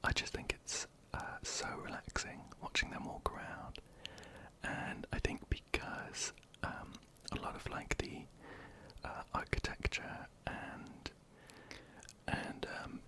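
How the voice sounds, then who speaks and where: Hesitant whispering ASMR creator. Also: slow. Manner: soft, hesitant, many ums and restarts. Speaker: ASMR creator answering viewer questions.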